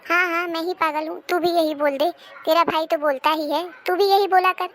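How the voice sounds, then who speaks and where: A woman's voice: very high-pitched, fairly even intonation, fairly quick, fairly bright tone. A woman voicing a bitter old mother-in-law. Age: older. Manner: complaining, bitter, self-pitying. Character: nagging older woman, a quarrelsome mother-in-law. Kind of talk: cartoon dubbing.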